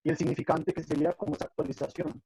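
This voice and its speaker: Guy on a video call that keeps breaking up, dark mellow voice, bit high, dry sound. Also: very animated, rapid-fire, gravelly, slightly rough, no echo, low-quality recording. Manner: thoughtful, builds his question step by step. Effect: choppy, breaking-up video call audio. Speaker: audience member asking a question. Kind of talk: academic discussion on a video call.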